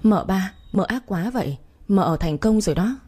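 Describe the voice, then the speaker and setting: A woman voicing a contemptuous male village healer who accuses, in a dark breathy storybook reading. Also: mid-range voice, animated, normal speed. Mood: scornful. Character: scornful male village herbalist.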